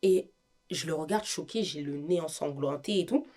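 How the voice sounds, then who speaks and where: A woman's voice: low voice, brisk. French woman telling her story. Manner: animated storytelling, acts out quoted dialogue. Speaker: guest giving testimony. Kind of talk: emotional spoken testimony.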